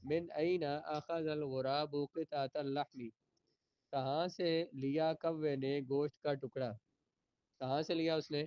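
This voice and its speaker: Man teaching a slow grammar lesson. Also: a little high, fairly even intonation, clean tone, no echo, dull audio. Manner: reads Arabic slowly, then translates and explains. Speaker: Arabic teacher.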